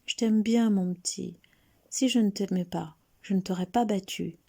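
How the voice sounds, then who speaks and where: A woman's voice: mid-range voice, fairly even intonation, normal speed, gravelly, dark tone. A woman voicing a stern yet loving aunt who speaks pleadingly and tenderly to her boy. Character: proud aunt, stern but loving mother.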